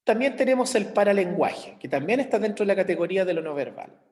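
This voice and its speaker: A Chilean man with a high-sitting, darkish voice talks fast and animatedly as he teaches an online class. He explains using everyday examples and checks in with his students, picked up by a computer mic on a video call.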